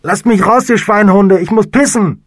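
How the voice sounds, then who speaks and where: A muffled man yelling from a coffin. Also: sits high, moderate pace, no room sound, clean studio sound, pitched above the performer's own voice. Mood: angry panic. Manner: shouting, muffled.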